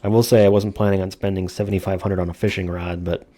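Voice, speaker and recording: A man's voice: low voice, level tone, fast, mellow. A man hosting a gaming video with casual commentary, speaking informally and jokingly with free use of swearing.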